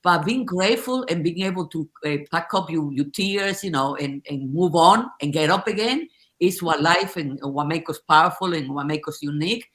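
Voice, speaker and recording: A woman's voice: deep voice, moderate pace, a bit bright. An older woman from the Dominican Republic talks as a guest over a video call. She sounds upbeat and reflective, stumbling and restarting now and then. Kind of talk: casual online chat.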